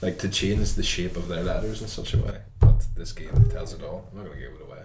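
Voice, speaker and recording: Male co-host, wry casual talker, low register, roomy sound. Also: fast talker, a little mellow. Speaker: podcast co-host. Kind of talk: casual chat. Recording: echoey room with background noise.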